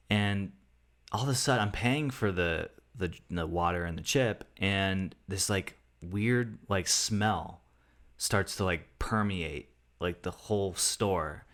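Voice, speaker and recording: Podcast co-host, man, very low voice, loose rambling storyteller. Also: takes it slowly, fairly bright tone. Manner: rambling, heavy on "like" fillers. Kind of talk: casual chat, storytelling.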